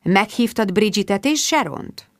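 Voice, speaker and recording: A woman voicing a friendly young woman asking questions in a bright, lifted voice. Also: mid-range voice, lively intonation, dry recording, studio quality, lightly acted. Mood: questioning.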